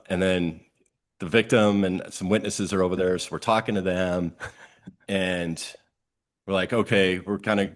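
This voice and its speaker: Male co-host, ex-cop, lowish voice, relaxed and matter-of-fact. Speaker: podcast co-host, former police officer. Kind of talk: casual storytelling chat.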